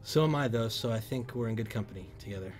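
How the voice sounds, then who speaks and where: A man's voice: mid-range voice, quick pace. Chatty man hosting a livestream. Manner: loose and chatty, bursts of loud excitement. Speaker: livestream host. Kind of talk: casual livestream chat, reading viewer comments. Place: PC workshop.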